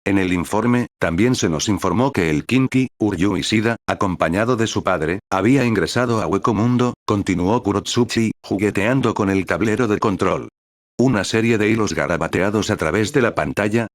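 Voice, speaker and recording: A man reading a fan-fiction story aloud as narrator in steady storytelling narration. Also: fairly low pitch, no room sound, studio quality.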